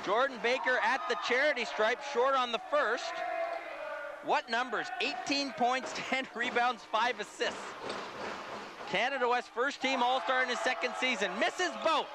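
Play-by-play caller, male, very high voice, rapid excitable delivery, loud background noise. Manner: rapid, excitable calling of the action. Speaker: play-by-play commentator. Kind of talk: basketball play-by-play commentary.

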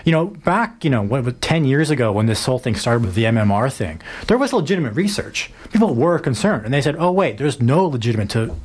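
A man's voice: medium pitch, big pitch swings, fast, few pauses, breathy edge. A man hosting a casual talk radio discussion, rambling with lots of fillers. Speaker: radio talk show host.

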